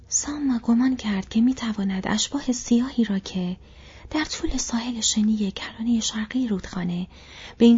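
Woman in breathy whispered audiobook narration. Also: mid-range voice, lo-fi sound. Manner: steady, hushed reading.

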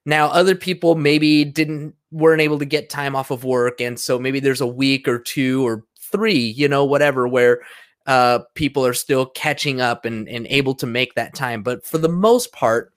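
A man's voice: mid-range voice, fairly even intonation, moderate pace. A man in a casual debate, talking earnestly and persuasively with many fillers. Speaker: conversation partner.

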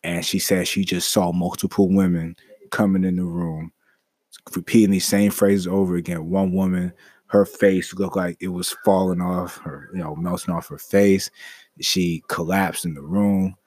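A man's voice: deep voice, flat delivery, moderate pace, a little mellow, dry recording. A man hosting a storytelling show, retelling a spooky tale in a loose, rambling way, full of fillers and restarts. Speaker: storyteller host. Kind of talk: casual spoken storytelling.

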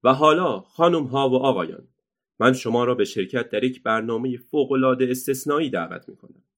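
A man voicing a loud, boastful, quick-tempered male circus ringmaster who announces like a showman in a storybook reading. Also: mid-range voice, animated, pitched above the performer's own voice.

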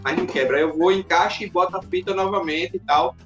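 A man, a podcast guest in casual chat, who tells his stories in an animated way and acts out the scenes. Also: high-pitched, fast, muffled recording, faint music behind. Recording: roomy echoey room.

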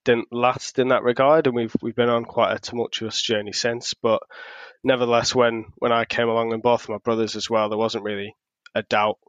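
A man from talks casually as a podcast guest, his pitch level and even. He is relaxed and chatty and drops in plenty of fillers. The audio is dry and a little dull, like a remote call. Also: brisk, dry recording. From Accrington, England. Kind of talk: casual interview chat.

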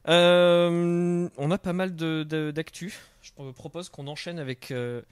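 A man's voice: a little high, fairly even intonation, slow, clear, resonant tone, no room sound, clean studio sound. A young man hosting a live stream in casual chat, full of fillers and restarts. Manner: hesitant, many fillers and restarts. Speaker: stream host. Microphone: studio microphone.

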